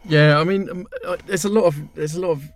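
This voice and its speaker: A man's voice: high-pitched, fairly even intonation, fast talker. A man in casual football chat, hesitant, weighing both sides of the issue. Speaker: football fan pundit.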